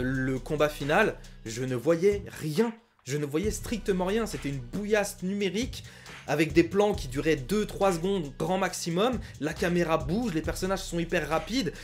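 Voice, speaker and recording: A young man giving a frank, critical film review in a casual talk, with many filler sounds. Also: a little high.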